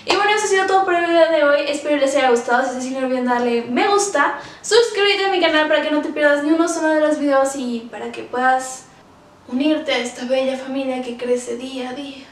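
High-voiced woman chatting about books in an echoey room. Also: fast talker. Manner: chatty and emotional, many fillers. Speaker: book vlogger. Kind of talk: casual book review vlog. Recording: roomy, distant from the mic.

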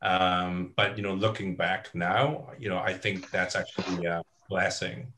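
A young man who grew up in the United Kingdom, hosting a podcast over a video call from a home office, encouraging his guest and pausing often with "um". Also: low voice, steady tone, a little hiss or hum. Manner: warm, encouraging, halting with "um". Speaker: podcast host. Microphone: video call webcam.

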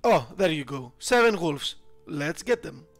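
A man's voice: a little high, lively intonation, a little slow, dry recording, soft background music. A man commenting casually on his gameplay, often frustrated and swearing as he plays. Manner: frustrated, swearing, laughing at himself. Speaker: gameplay streamer.

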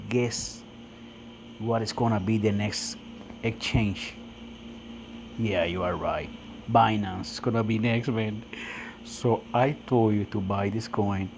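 A man with a slightly low voice talks slowly in non-native English, vlogging casually. He has an excited crypto-bro manner, punctuating his hype with "man." There is some background noise on the recording. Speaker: crypto video host. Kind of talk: casual screen-recorded vlog commentary. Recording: noisy phone screen recording.

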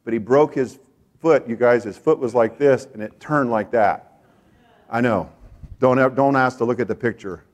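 An American man preaching a sermon as pastor, repeating phrases for emphasis and swinging from hushed asides to loud, excited peaks. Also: mid-range voice, normal speed.

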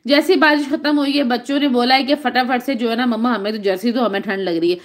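A woman's voice: a little high, steady tone, quick pace. A woman with a Pakistani accent hosting a casual live stream from home on a phone, greeting viewers by name in a chatty way. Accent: Pakistani Urdu. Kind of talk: casual live-stream chat reading comments. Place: home, indoors. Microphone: phone on tripod.

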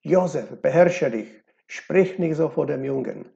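A man's voice: on the high side, unhurried, gravelly, mellow. A man voicing a stern young mother. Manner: stern, admonishing. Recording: dull lo-fi recording.

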